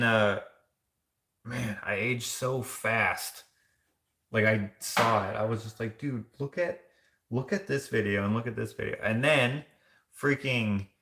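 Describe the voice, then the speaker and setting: A man's voice: medium pitch, fairly bright tone, echoey room. A man hosting a casual live vlog, chatting loosely and rambling with many fillers and restarts as he reads viewer comments. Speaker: vlogger.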